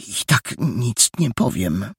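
A man's voice: on the low side, very animated, takes it slowly, slightly rough, no room sound, studio quality, voice pushed up, exaggerated voice. A man voicing a frightened but defiant young boy detective who answers back stubbornly in a storybook reading.

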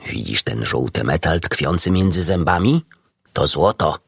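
Man voicing a calm, kindly animal doctor. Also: extremely low pitch, measured pace, gravelly, slightly rough, no echo, clean studio sound, exaggerated voice. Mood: gentle. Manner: calm, reassuring, gentle. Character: kindly, unflappable old country doctor.

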